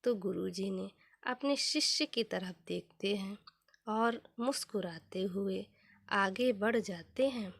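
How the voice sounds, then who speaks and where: A woman narrating a scripted motivational story as a storyteller, in measured, deliberate short phrases. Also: mid-range voice, no room sound.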